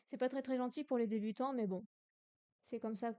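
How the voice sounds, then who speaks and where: A woman's voice: a little high, steady tone, a little fast, dark tone, lo-fi sound. A young woman from France in a casual livestream study session, repeating syllables aloud and exaggerating the tones. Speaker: streamer learning Chinese.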